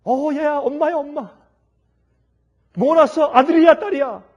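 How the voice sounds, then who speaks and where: A man voicing an eager older mother who calls her daughter about a newborn and presses for news in a high voice. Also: measured pace, lo-fi sound.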